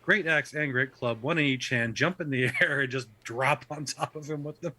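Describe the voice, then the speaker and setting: A man plays his turn in a tabletop game, cracking jokes and planning a big leap into battle. His tone is bright and forward. The recording is dry. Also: mid-range voice, moderate pace, no echo. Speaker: player.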